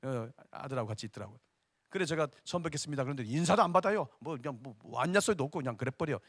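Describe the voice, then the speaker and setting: A man in his fifties, a pastor teaching an evangelism seminar, who tells stories and keeps prompting his listeners with a quick "eh?". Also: mid-range voice, no echo, studio quality. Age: 50s. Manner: animated storytelling, constant tag "eh?" to the audience. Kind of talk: evangelism seminar lecture with storytelling.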